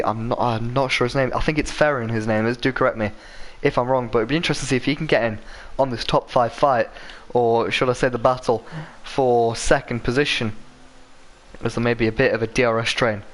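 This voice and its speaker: A race commentator covers an online racing league live, his mid-pitched voice a bit croaky from a sore throat. Between bursts of action he rambles, often corrects himself, and fills pauses with ums and uhs.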